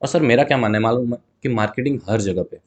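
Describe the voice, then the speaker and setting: The guest, a man who sells burgers, talks fast in a mid-range voice during a casual interview. His storytelling is lively: he acts out exchanges with customers from both sides and slips English words into his speech.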